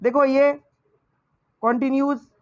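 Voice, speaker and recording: A man's voice: extremely high pitch, level tone, slow pace, muffled recording. A male teacher giving a lesson, quizzing the class with repeated questions and then answering them himself. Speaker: English teacher.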